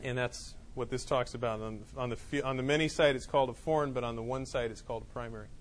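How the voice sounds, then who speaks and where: A man lectures a college class with a steady mid-range voice at a quick pace, repeating himself and restarting his explanations often. A little hiss or hum runs under the audio. He's in a classroom with students, wearing a clip-on mic that keeps falling off.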